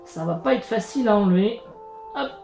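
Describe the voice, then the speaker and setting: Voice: medium pitch, expressive, a little fast, gravelly, darkish tone. Chatty unboxing host in an echoey room. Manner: chatty and hesitant, many fillers and restarts, narrates each step while handling the box. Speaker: YouTube channel host. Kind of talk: casual unboxing vlog. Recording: echoey room with faint music.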